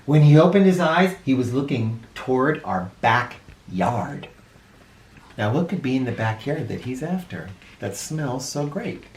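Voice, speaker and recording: This storybook host reads to children in a playful, theatrical style, breaking off for asides now and then. He has a medium, slightly mellow voice with big swings in pitch and a somewhat slow delivery, heard in an echoey room.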